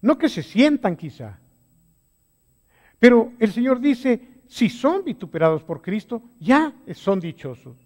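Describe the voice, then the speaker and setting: A man leading a Bible study as a pastor, swinging between quiet low phrases and loud emphatic exhortations. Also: big-room sound. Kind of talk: sermon-style Bible study.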